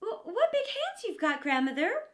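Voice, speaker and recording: A sweet, innocent little storybook girl, played by a woman. Her voice sits high and lilts up and down with great animation. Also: very animated, moderate pace, fairly bright tone, exaggerated voice. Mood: puzzled.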